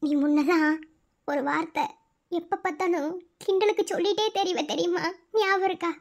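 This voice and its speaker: Woman voicing a squeaky heartbroken village girl. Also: moderate pace. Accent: Madurai Tamil. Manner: pleading, tearful. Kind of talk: cartoon voice acting.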